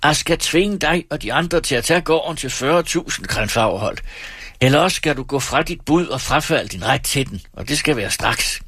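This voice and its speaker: A man voicing a small, bitter man from an old farming family in an audiobook, shouting and cursing at an auction. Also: fairly high pitch, lively intonation, husky, dry recording, clean studio sound, voice pushed up. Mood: furious.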